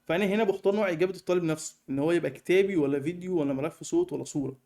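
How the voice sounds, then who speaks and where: Fast-talking Egyptian man explaining software. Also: fairly high pitch. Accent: Egyptian Arabic. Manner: fast, chatty explaining with many fillers. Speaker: online course tutor. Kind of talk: screen-recorded software tutorial.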